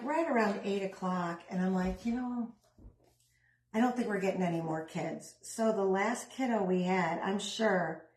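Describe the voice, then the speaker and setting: A woman's voice: medium pitch, darkish tone, reverberant, low-quality recording. A middle-aged woman chatting casually while she works on a craft, rambling with self-deprecating asides. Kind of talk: casual craft vlog chat.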